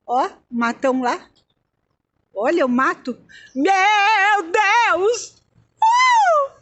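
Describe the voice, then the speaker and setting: A woman's voice: extremely high pitch, drawn-out words, fairly bright tone, highs cut off, slight background noise. A woman vlogging casually from a phone on an open cable car outdoors, chatty, nervous and exclaiming. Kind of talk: casual vlog narration. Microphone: handheld phone.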